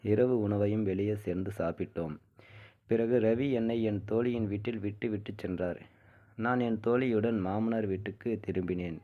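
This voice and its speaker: Low-voiced man reading a story. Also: normal speed. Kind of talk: scripted first-person story narration. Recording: tinny phone-like sound.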